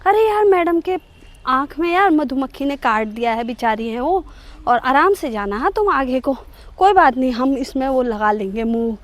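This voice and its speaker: A woman voicing a man who calms an angry crowd and reassures the driver. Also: sits high, normal speed. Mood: soothing. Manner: soothing, reassuring. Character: calm bystander man soothing a crowd.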